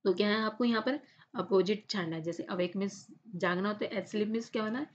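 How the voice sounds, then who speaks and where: Female tutor, mid-pitched, reads English lines slowly then explains in Hindi, slightly dull lo-fi sound. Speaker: teacher.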